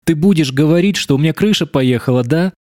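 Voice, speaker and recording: A man's voice: on the high side, fast talker, a little mellow, dry recording, clean studio sound, pitched above the performer's own voice, lightly acted. A man voicing a distraught young woman whose voice keeps breaking with held-back tears, raised well above his own. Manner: breaking, tearful pleading.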